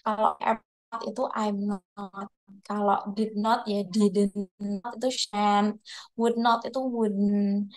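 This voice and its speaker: A young woman tutoring an online English pronunciation class, explaining casually and slowing down to model English examples. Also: a little high. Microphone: headset or computer mic on a video call.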